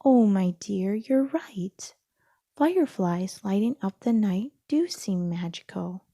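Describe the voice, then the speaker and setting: Mother kangaroo for a storybook , female reader: gentle, indulgent, soft-spoken, husky and slow. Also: medium pitch, lively intonation, dry recording, studio quality. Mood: gentle wonder. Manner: soft, tender, measured. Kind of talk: storybook read-aloud.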